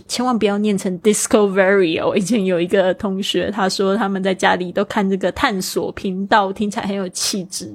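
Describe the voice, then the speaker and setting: A woman in her forties hosts a podcast English lesson. She walks through pronunciation step by step and moves between Chinese and English. Her voice sits at an ordinary middle pitch. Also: breathy edge. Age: 40s. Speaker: podcast host and English teacher.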